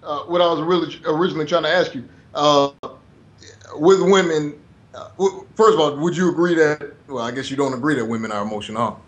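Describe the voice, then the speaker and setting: Young male panelist, jokey and teasing, slightly raised pitch. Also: brisk, dull audio. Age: young adult. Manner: joking, teasing, hesitant fillers. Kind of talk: casual group discussion.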